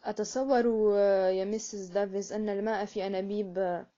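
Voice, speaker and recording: A woman's voice: medium pitch, steady tone, fairly quick, mellow, natural voice. A woman voicing an awkward older army major who speaks hesitantly, on a muffled recording. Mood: embarrassed. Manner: hesitant, embarrassed.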